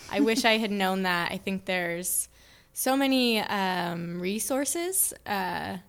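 Young mom chatting honestly, bit of vocal fry, lots of ums, mid pitch. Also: female voice, lively intonation, takes it slowly, fairly bright tone. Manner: reflective, candid, many fillers. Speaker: parent guest on a panel. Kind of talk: casual chat.

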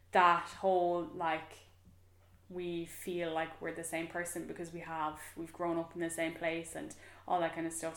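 A young woman with a Kerry accent from the southwest of Ireland, chatting casually and earnestly in an interview. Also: lowish voice. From County Kerry, Ireland. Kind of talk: casual chat. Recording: roomy echo with music behind.

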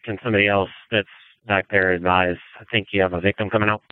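Over narrow, phone-like radio, a man playing a fire incident commander issues directive, businesslike orders at a quick pace. His low voice is clear and resonant, with flat delivery and no room sound.

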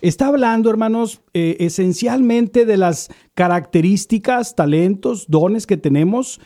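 Man, religious talk co-host; higher voice, fervent, preachy. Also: expressive, a little slow, warm tone. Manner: fervent, calls listeners brother and sister, seeks amens.

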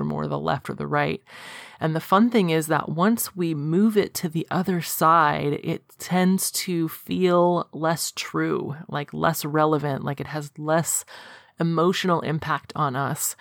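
Calm woman coach with a gravelly edge. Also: low-pitched, dry recording, clean studio sound. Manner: calm, gently instructive. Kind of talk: guided self-help instruction.

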